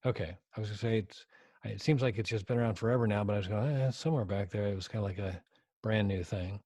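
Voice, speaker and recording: A podcast host with a lowish, darkish voice talks fast on a dry recording. In this podcast interview he introduces his guest and asks questions in a friendly, chatty way, filling gaps with lots of hesitant fillers.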